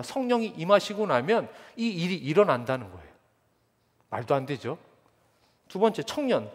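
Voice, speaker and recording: Lively man preaching in a reverberant church. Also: fairly high pitch, breathy edge. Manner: animated storytelling, mimics children and teens. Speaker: pastor. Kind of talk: sermon. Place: church sanctuary.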